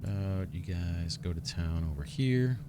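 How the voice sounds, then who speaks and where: A man with a low, deep voice talks through his factory game as he plays. He muses out loud, unhurried, often asking himself questions as he works out his next step. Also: background noise. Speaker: let's play host. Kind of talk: thinking aloud while playing a strategy game.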